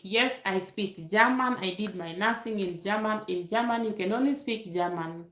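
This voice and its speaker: This YouTube livestream host is a young woman from Kenya, a Luo first-language speaker with a Kenyan accent, whose medium-pitched voice is a bit bright and reverberant. She runs a casual question-and-answer session, reading out comments from viewers and laughing frequently.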